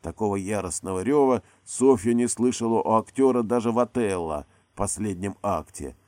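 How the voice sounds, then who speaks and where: A man reading a novel aloud as audiobook narrator, in calm, even storytelling. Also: on the low side, brisk, no room sound. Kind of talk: scripted narration.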